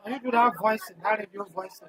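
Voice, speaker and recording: A man's voice: sits high, fairly even intonation, moderate pace, pushed and bright, poor audio. A man with a Nigerian accent making offhand remarks beside the commentator at a football match. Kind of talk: casual chat beside the commentator.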